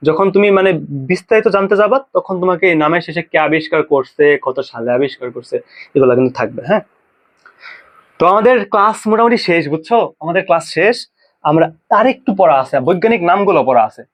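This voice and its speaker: Tutor, slightly high voice. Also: male voice, lively intonation, highs cut off. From Bangladesh. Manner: casual, drills pronunciations by repeating them slowly. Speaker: biology tutor. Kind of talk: informal exam-prep lecture.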